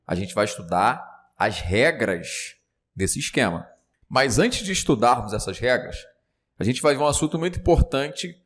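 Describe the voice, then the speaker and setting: A man with a Brazilian Portuguese accent teaching a grammar lesson in a chatty classroom style, often checking in with his students. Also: mid-range voice.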